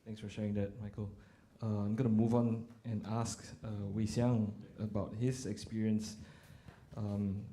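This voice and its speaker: A man moderating a panel, asking questions politely with some halting restarts. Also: fairly low pitch, level tone, warm tone.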